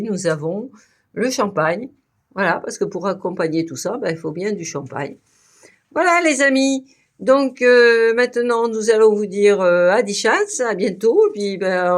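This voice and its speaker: A woman hosting a casual video, chatting playfully about sweets with lots of fillers and restarts, a little tipsy from champagne. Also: mid-range voice. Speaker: video channel host. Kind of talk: casual food presentation to camera.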